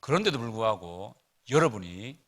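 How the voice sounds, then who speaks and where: A man's voice: on the low side, very animated, moderate pace, fairly bright tone. A middle-aged man preaching casually to teenagers at a retreat, chatty and joking as he tells family stories.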